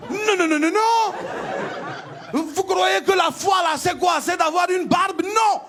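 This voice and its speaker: A man doing a stand-up routine, telling stories animatedly and shouting out his punchlines. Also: very high voice, slow, crowd noise. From Ivory Coast. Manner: animated storytelling, shouting out punchlines and acting out characters. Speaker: stand-up comedian. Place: stage before a live audience.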